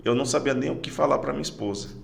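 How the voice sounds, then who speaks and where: Middle-aged Brazilian man, gravelly voice, podcast guest, halting storyteller who repeats himself. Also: medium pitch. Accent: Brazilian Portuguese. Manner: halting, repeats words and restarts phrases. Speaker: podcast guest, police sergeant. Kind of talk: personal testimony in casual conversation.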